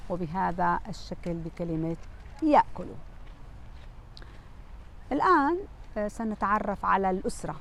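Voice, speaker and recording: A woman's voice: mid-range voice, creaky, a little hiss or hum. Patient woman teaching children a lesson. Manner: slow, patient, repeats each word several times; addresses pupils, pointing things out. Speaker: Arabic teacher.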